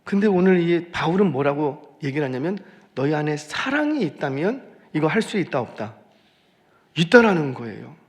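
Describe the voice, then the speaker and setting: A male pastor preaches a sermon, animated and repeating phrases for emphasis. His voice is fairly high and swings widely in pitch. The sound rings with a long reverb from a church sanctuary. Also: moderate pace. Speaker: senior pastor.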